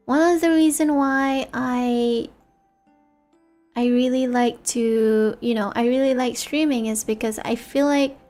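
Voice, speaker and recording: This VTuber streamer, a thirty-something woman who natively speaks English and Malay, chats loosely with her audience late at night while tired. Her voice is slightly high, and she rambles, reflects, and self-corrects as music plays softly below.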